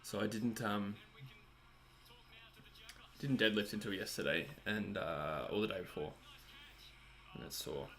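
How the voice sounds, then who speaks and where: Aussie bloke rambling through chat messages, bright forceful voice, lowish pitch. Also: male voice, measured pace, pauses often, faint music behind. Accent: Australian. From Australia. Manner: chatty, rambling, self-deprecating. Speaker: livestream host reading chat. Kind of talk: casual live chat over a cricket match.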